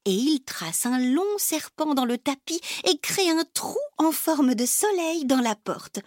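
A woman reading a children's story aloud in a slow, expressive way, often dropping to a whisper. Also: sits high, no room sound, clean studio sound.

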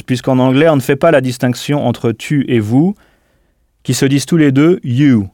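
Spelling words letter by letter, a male language teacher delivers a slow, deliberate scripted audio lesson. His voice is ordinary in pitch and a little mellow, and the dry studio recording carries no room sound.

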